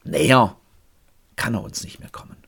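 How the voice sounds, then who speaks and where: A man preaching a sermon, swinging between loud cries and hushed, almost whispered lines. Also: fairly low pitch, lively intonation, normal speed, husky.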